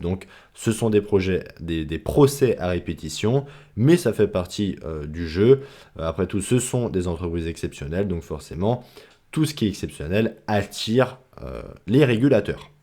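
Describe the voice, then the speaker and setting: A man's voice: fairly low pitch, warm tone. A man giving a casual lesson on analysing stocks, chatty, full of fillers and slang. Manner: chatty, many fillers like "bah" and "hein", informal slang. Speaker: stock investing educator.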